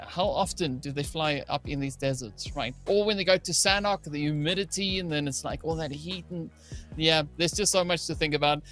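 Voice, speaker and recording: A man's voice: fairly high pitch, a bit bright. A man co-casting an esports match, talking at length and often adding "right?" to his points. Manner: wordy, fills with "right?" and "like". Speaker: esports caster. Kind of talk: esports color commentary.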